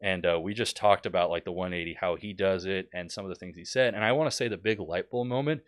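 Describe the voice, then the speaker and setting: A young man, a flight instructor, chatting casually as a podcast guest, animated and joking as he tells stories. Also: sits low, fast. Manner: animated, jokey, acts out quotes. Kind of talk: casual storytelling chat.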